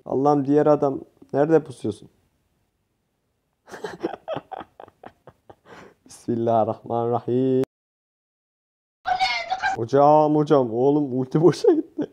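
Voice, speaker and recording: A young man from Turkey giving excitable, swear-filled commentary over his own gameplay, shouting and yelping when things go wrong. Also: mid-range voice, highs cut off. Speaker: gaming youtuber.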